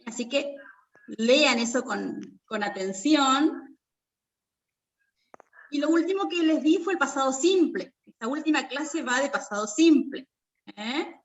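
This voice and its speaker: Woman teacher, high voice, unhurried, sounds far from the mic. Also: expressive, lo-fi sound. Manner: patient, repeats checks like "¿sí?" and "¿está?". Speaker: English teacher. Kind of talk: online class explanation.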